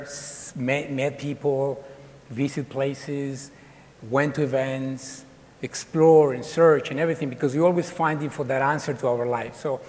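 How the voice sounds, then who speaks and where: A man in his forties from Colombia, raised in Ecuador, giving a lively, chatty talk to students, with many fillers and restarts. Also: mid-range voice, a little hiss or hum. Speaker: guest speaker. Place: large dark auditorium. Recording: long hall reverb.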